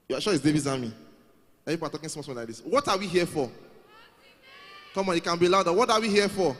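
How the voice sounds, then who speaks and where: A man hosting a live youth event in a large hall, coaxing and calling out to the crowd. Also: on the high side. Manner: coaxing, calls out to the crowd, repeats himself.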